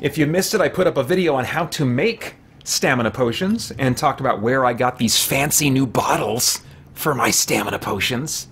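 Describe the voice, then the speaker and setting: A little hiss or hum sits under the fairly bright, medium-pitched voice of a game streamer in his forties speaking at a normal speed. Game music plays as he casually comments, playfully talking to viewers, his characters and himself.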